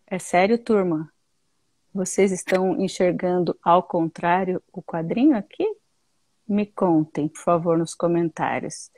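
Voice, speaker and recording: A woman's voice: on the low side, fairly even intonation, unhurried, darkish tone. A woman with a Brazilian accent hosting a casual live English lesson, chatting with viewers and mixing English words into her Portuguese.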